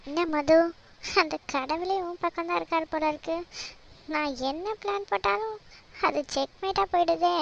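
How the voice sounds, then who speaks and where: A woman's voice: sits high, vocal fry, fairly bright tone, slight background noise. Sneering villainous young woman. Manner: sneering, taunting, slow and deliberate. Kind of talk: cartoon drama voice acting. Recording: dull lo-fi recording.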